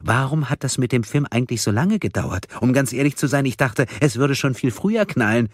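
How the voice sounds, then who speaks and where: A man voicing a deranged, gleeful woman kidnapper in an audiobook, with shrill giggling and sing-song menace. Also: expressive, fairly quick, dry recording, studio quality, close to an everyday voice. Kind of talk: audiobook character voice.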